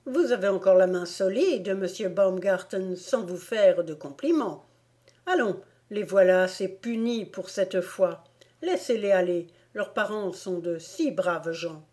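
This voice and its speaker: A woman voicing a gruff but kind old village woman in a storybook reading, with a scolding, exclaiming manner. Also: medium pitch, measured pace, mellow, lightly acted. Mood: relenting.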